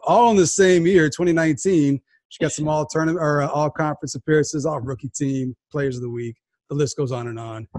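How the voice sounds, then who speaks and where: A man hosting a sports podcast, energetic and hyped, often restarting his sentences. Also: on the high side, no room sound, studio quality. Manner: energetic, hype host with frequent restarts. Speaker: podcast host.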